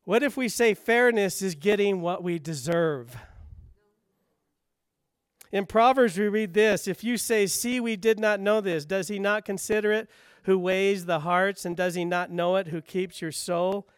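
Male pastor, sermon delivery, high smooth voice, emphatic questions, dry close sound. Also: moderate pace, few pauses, no room sound. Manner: emphatic rhetorical questions, rising then dropping to quiet.

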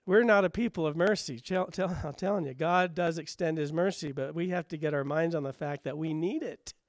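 A male pastor preaching a sermon, driving home rhetorical questions with emphasis, then dropping low and quiet. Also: a little fast, dry recording, clean studio sound.

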